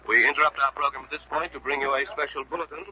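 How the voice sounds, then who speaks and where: A man's voice: mid-range voice, steady tone, racing, pushed and bright. A man reading a formal news bulletin as a radio announcer, heard on an old 1940s radio broadcast. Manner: crisp, emphatic announcer delivery. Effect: old 1940s radio broadcast sound. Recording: muffled lo-fi archival radio with faint hiss.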